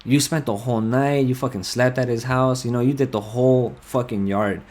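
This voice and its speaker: Speaking at a moderate pace with fairly even intonation, this young man has a medium-pitched, darkish voice. He's on a headset in casual game voice chat, spinning a long, heated personal story packed with curses and tangents.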